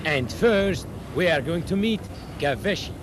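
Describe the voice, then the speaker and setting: A man from Algeria fronts a TV report out on a city street, with loud traffic noise all around him. His voice sits a little high for a man, and his delivery is clear and measured. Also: lively intonation. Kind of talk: TV current affairs report.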